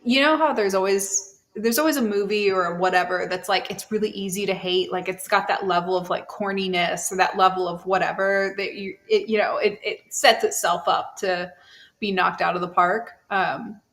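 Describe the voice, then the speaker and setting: A woman's voice: medium pitch, fairly even intonation, moderate pace, fairly bright tone. A woman hosting a casual TV chat show, talking loosely with many fillers. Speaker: podcast host.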